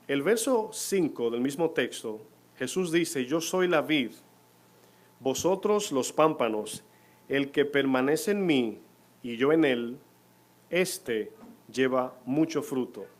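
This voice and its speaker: A man's voice: medium pitch, expressive, a little slow. Spanish-speaking preacher man. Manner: preaching to the congregation, asking questions. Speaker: pastor. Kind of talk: sermon. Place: church.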